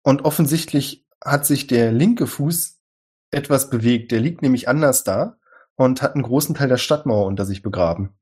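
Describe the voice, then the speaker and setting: Husky-voiced man running a tabletop game. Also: mid-range voice, normal speed, a little mellow. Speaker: game master.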